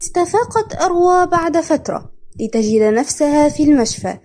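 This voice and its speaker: A woman's voice: high-pitched, animated, fairly quick, darkish tone. A young woman narrating a novel summary in a formal storytelling manner.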